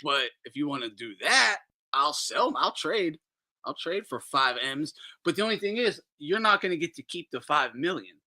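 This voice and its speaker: A man's voice: on the high side, sing-song, normal speed, pushed and bright. A man hosting a boxing talk show, ranting casually, laughing often and swearing freely. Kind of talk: casual profane rant.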